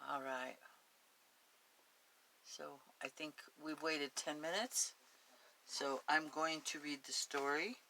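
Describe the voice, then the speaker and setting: A woman's voice: sits low, takes it slowly, pauses often, bright, forceful tone, a little hiss or hum, poor audio. A woman with a Spanish accent reading a story aloud, stopping for chatty, homey asides. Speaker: story reader.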